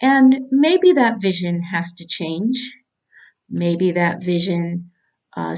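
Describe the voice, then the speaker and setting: A middle-aged woman from California, a cancer doctor giving a prepared talk in a measured, earnest way. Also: fairly low pitch, darkish tone, muffled recording.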